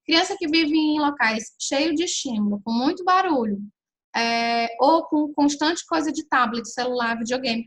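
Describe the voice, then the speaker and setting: A woman with a somewhat high voice hosts a relaxed live chat. She answers viewers' questions and gives parenting advice, speaking right to her audience in a chatty, practical way. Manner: chatty and advice-giving, often addresses listeners directly. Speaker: parenting live-stream host.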